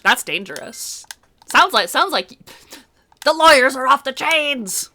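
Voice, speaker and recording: Excitable woman streamer, lively pitch. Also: unhurried. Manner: excitable, bursts into shrieks and shouts. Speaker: video game streamer. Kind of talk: casual let's play commentary.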